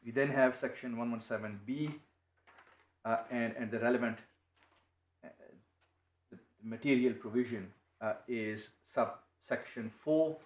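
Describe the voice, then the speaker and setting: A man making a legal submission to appeal judges, halting and restarting often as he speaks. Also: medium pitch. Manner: halting, many restarts and repeated words. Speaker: barrister. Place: courtroom. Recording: echoey courtroom, faint noise.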